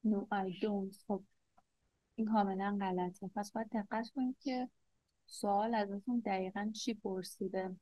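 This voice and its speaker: A woman teaching English grammar, saying each English example slowly and deliberately before explaining it. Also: medium pitch, fairly even intonation, warm tone, no echo. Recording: dull lo-fi sound.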